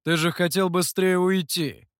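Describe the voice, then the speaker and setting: A man's voice: high-pitched, steady tone, measured pace, fairly bright tone, clean tone, no echo, pitched above the performer's own voice. A man playing a stern, irritable male master who answers curtly and sounds fed up, read dry and close. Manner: curt and exasperated.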